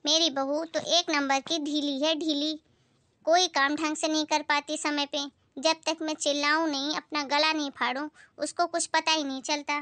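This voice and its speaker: A woman playing a sharp-tongued, complaining middle-aged mother-in-law in a comedy skit. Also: high-pitched, level tone, moderate pace, no room sound.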